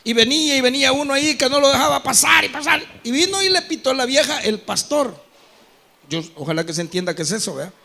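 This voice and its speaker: A man preaching a sermon with a Salvadoran Spanish accent, telling stories animatedly, acting out dialogue and breaking into shouts, often checking in with his congregation. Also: very high-pitched, quick pace, gravelly. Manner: animated storytelling with frequent asides to the congregation; acts out quoted dialogue and bursts into shouting. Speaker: pastor.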